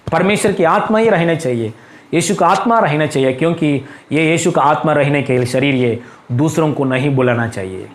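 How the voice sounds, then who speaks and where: A male pastor preaching a fervent sermon in a church, breaking in with hallelujah again and again. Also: a little high. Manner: fervent, repeats hallelujah constantly.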